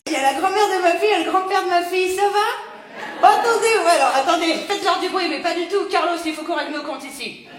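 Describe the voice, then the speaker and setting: A woman's voice: extremely high pitch, quick pace. A woman in her forties doing stand-up crowd work and telling stories in a chatty, self-mocking way, laughing often. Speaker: stand-up comedian. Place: theater stage with live audience. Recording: loud crowd and noisy live recording. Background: loud audience laughter.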